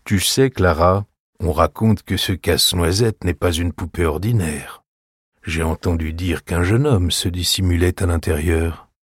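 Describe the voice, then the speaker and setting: A kindly uncle from a storybook, as a man voices him. He speaks low and a little husky, close and dry. He tells his tale in a hushed, confiding way. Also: a little slow, no echo. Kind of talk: storybook reading.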